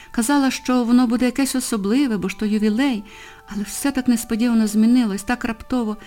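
A woman reading a historical story aloud with expressive, varied phrasing. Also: fairly high pitch. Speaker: narrator. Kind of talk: audiobook narration.

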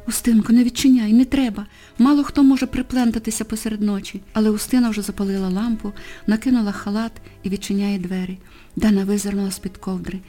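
A woman reading a historical story aloud with expressive, varied phrasing. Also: medium pitch. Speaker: narrator. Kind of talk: audiobook narration.

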